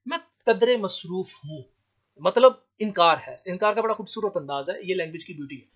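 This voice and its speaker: A man's voice: high voice, expressive, fairly bright tone. A man teaching an English lesson, reading English sentences aloud and translating them line by line. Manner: explains slowly, reads English lines aloud then translates. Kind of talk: lecture with translation. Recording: dull lo-fi sound.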